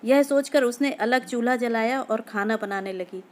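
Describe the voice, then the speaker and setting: A woman storyteller reading a classic short story aloud. Her narration is steady and measured, and her voice sits a little high.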